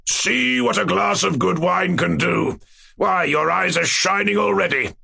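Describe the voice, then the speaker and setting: A man voicing a tyrannical, boisterous king from a classic story, with a rough, imperious, blustering delivery. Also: high voice, measured pace, sharp tone, voice pushed up, full character voice. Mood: jovial, mocking. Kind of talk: dramatic reading of a classic story.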